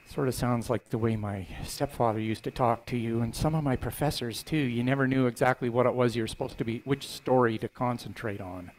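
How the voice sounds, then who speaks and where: An older man reading scripture aloud and preaching in a church sanctuary on a headset mic, voicing quoted lines with lifted pitch. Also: a little fast, few pauses, slight background noise, low-quality recording. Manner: expressive reading, voices quoted lines higher; stands at the front holding a book, conversational preaching. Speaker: minister.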